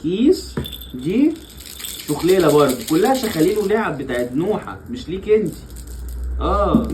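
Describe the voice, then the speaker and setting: Playful Egyptian dad, very lively pitch. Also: male voice, moderate pace, a little hiss or hum, poor audio. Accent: Egyptian Arabic. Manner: playful and coaxing, laughs often. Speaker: father and vlogger. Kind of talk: family vlog, playing with young children.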